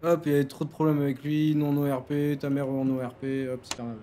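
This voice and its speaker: Un jeune homme administrateur d'un serveur de jeu, parlant de façon familière, argotique et autoritaire, avec des piques moqueuses. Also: male voice, medium pitch, little pitch movement, fast talker, mellow. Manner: slangy, bossy, teasing. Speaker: game server admin and YouTuber. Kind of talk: casual Let's Play commentary.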